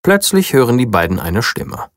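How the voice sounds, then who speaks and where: A narrator reading a children's story aloud with a lively, storytelling delivery. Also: mid-range voice, normal speed, dry recording, clean studio sound. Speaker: audiobook narrator.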